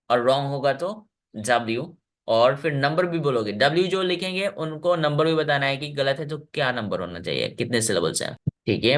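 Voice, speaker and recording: A man's voice: medium pitch, a bit bright. A man teaching an online English class to children, encouraging them and stretching out words to demonstrate sounds. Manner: encouraging, drawn-out word demonstrations.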